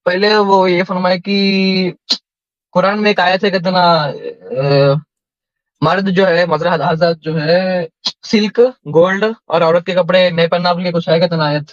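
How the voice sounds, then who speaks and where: A man's voice: high voice, steady tone, unhurried, no echo. A man with an Indian Hindi accent calling into a debate, hesitant and deferential, often addressing the host as sir. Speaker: caller. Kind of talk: online debate call. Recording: dull, dry call audio.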